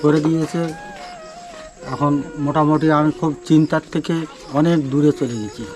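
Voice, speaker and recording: Man, soft voice, tearful, slightly high, faint music. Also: normal speed. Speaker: recovering father. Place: outdoors in a village.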